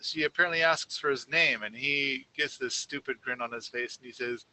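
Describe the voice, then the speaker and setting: A man's voice: medium pitch, moderate pace, pushed and bright, a little hiss or hum, poor audio. A man co-hosting a casual podcast, rambling through a story with many fillers and restarts. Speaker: podcast co-host. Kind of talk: casual conversation.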